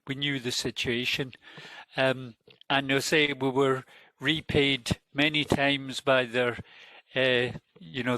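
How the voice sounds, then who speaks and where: A man giving an informal testimonial as a host, speaking in a measured, hesitant, understated way. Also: mid-range voice, pushed and bright, no echo, poor audio.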